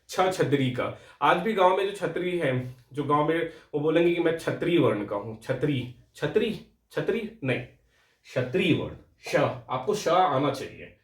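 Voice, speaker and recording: A man's voice: fairly high pitch, roomy sound, recorded from a distance. A young man teaching a Hindi grammar lecture for exam aspirants, explaining patiently, repeating words and often checking in with his students.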